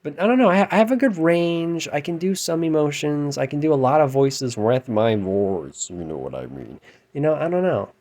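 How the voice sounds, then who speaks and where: Ranting to camera at home late at night, a man in his thirties who makes music and vlogs rambles and puts himself down. His light, androgynous voice is a little high and animated at a moderate pace. He mostly keeps it low, bursts out loudly, then trails off again.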